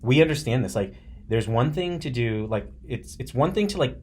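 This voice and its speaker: A man's voice: mid-range voice, lively intonation, normal speed, darkish tone, a little hiss or hum. A man hosting a casual podcast interview, enthusiastic and chatty, with lots of "like" and restarts. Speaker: podcast host, teacher.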